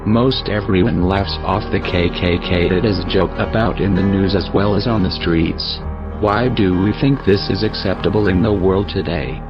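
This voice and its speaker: A man's voice masked into a disguised, very deep tone, low and heavy throughout. He reads a scripted statement in a grave, steady, declaiming way. The sound is dull and lo-fi, with clear music playing behind him. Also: moderate pace.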